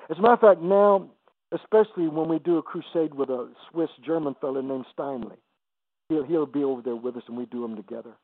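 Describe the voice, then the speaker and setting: A man in his seventies, an evangelist guest, telling emotional testimony stories on a radio interview, halting and repeating words as he goes. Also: on the high side, no echo. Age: 70s. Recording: dry, phone-like radio line.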